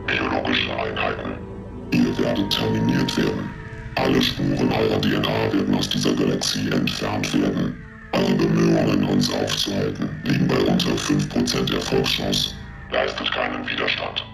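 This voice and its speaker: A man's voice: rumbling low, normal speed, vocal fry, heavily acted. A man voicing a cold, emotionless machine overlord whose voice comes in over a starship's communication channel. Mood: menacing. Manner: flat, emotionless, calculating. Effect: heard over a ship's communication channel. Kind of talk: fan-made sci-fi audio drama. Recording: echoey transmission under loud music.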